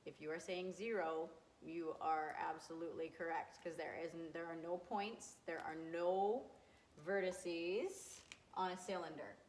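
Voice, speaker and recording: A woman teaching a grade two math lesson to young children, gentle and encouraging, asking questions and answering them herself. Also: fairly low pitch, fairly even intonation, measured pace, a little hiss or hum.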